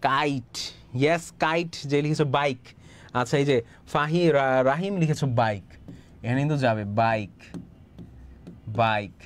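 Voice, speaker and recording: A man's voice: fairly high pitch, normal speed. A man with a Bangladeshi accent teaching an English pronunciation class online, reading out students' answers, repeating words and checking that they follow.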